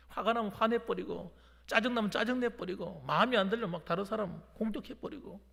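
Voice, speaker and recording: A man's voice: extremely high pitch, creaky. A man preaching a sermon as a pastor, fervent, calling on the congregation to repeat phrases after him. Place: church sanctuary. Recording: long hall reverb.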